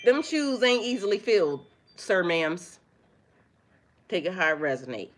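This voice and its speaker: Speaking unhurriedly in a lowish voice, a spiritual reader who runs her own channel addresses her viewers head-on. She's an adult with kids, and her delivery is loud, lively, chatty, blunt and full of swearing and frequent laughter.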